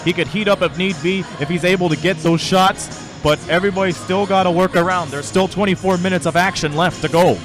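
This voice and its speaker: A man's voice: high-pitched, steady tone, a little fast. A man giving colour commentary on a sports broadcast in a discursive, opinionated way. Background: arena music.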